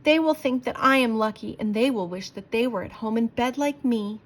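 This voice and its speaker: A woman's voice: a little high, moderate pace, slight background noise, pitched above the performer's own voice, close to an everyday voice. A woman voicing a reluctant, anxious, sulky character in a children's storybook, with a whining, stubborn manner. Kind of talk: children's storybook read-aloud.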